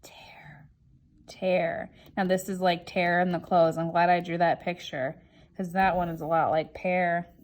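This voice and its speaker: A woman teaching a word lesson to children like a kids show host, asking questions and pronouncing example words with deliberate emphasis. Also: on the low side, level tone. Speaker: teacher hosting a word sort lesson video. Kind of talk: scripted-feeling instructional demonstration for children.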